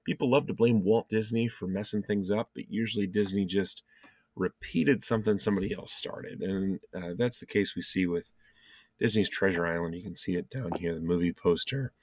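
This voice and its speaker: A low-pitched man talks through a relaxed video lesson from his basement, with plenty of ums and side notes. The sound is dry and close, with hardly any room echo. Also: normal speed. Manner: chatty, with frequent ums and asides. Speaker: teacher. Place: home basement.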